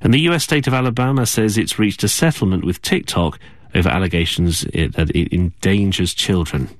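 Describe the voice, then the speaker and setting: A man reading a radio news bulletin in a measured, formal way from a studio. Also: low-pitched, no room sound. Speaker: newsreader.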